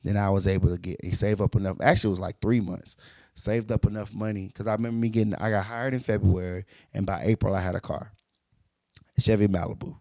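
A man's voice: on the low side, fairly even intonation, fast, gravelly, dark tone, dry recording, clean studio sound. A young man from Mississippi, hosting a podcast and telling a personal story in a rambling, self-correcting way with emphatic repetitions. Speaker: podcast host. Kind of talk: casual storytelling monologue.

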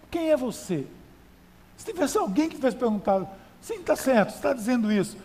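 A man's voice: high voice, darkish tone, slightly rough, big-room sound. A male pastor preaching a sermon in a conversational style, with rhetorical questions and emphatic repetition.

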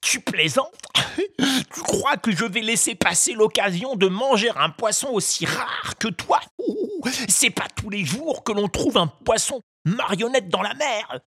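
A man's voice: high voice, big pitch swings, a little slow, sharp tone, a little hiss or hum, pitched above the performer's own voice, full character voice. A man voicing a huge, greedy green fisherman who gloats and cackles in a sing-song way. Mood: gloating.

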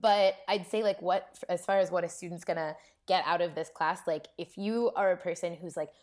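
In a relaxed academic chat, a woman researcher being interviewed talks about her work informally, leaning on "like" and the checking question "right?". She has a lowish, darkish voice with a steady tone and a normal pace.

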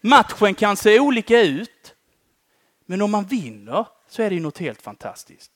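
A man preaching a sermon in a conversational way, often tagging his phrases with a questioning "va?" and swinging between loud emphasis and quiet endings. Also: high-pitched, big pitch swings, no room sound, studio quality.

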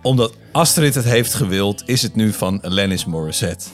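A man's voice: lowish voice, animated, moderate pace, faint music behind. A man co-hosting a podcast, narrating an improvised story and slipping into a character's inner thoughts. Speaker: podcast co-host.

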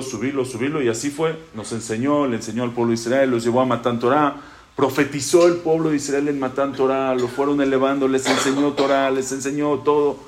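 A man preaches a Torah sermon. He tells the story with lively drama and climbs higher when he voices Moses' despair. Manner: animated storytelling, voices Moses' anguish with rising pitch. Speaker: rabbi.

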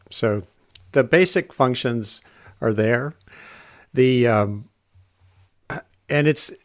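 A journalist in a podcast discussion explains things casually in a lowish voice. He is halting and digressive, often rephrasing as he goes.

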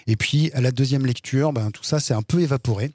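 A man's voice: mid-range voice, a little fast, a little mellow, husky, dry recording, studio quality. A man hosting a comics podcast, talking earnestly and measuredly about a book. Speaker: podcast host. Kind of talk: casual chat.

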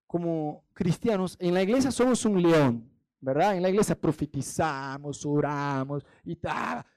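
The sermon comes from a man from Brazil whose voice sits high and sounds mellow, recorded dry. He chats with his listeners directly and acts out little anecdotes with quoted voices.

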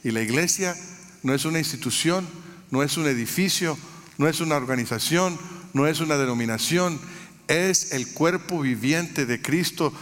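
Here a pastor from Mexico delivers an earnest sermon at normal speed in a fairly high, slightly bright voice. He stacks phrases into lists and now and then restarts what he's saying, all within a long hall reverb.

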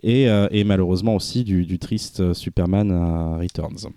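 A man on a podcast presenting a film review in casual chat, halting, with many fillers and restarts. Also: low-pitched, mellow.

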